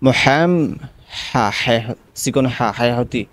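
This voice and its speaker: A man teaching how to pronounce the call to prayer, spelling it out letter by letter and then chanting it in long, drawn-out melodic phrases. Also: mid-range voice, fairly bright tone. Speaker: azan pronunciation teacher. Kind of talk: recitation lesson.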